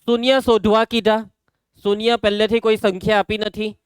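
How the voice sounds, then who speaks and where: Gujarati male teacher, high and smooth, brisk and teasing with students, dry close mic. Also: flat delivery, dry recording. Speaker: maths teacher. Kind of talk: classroom lesson.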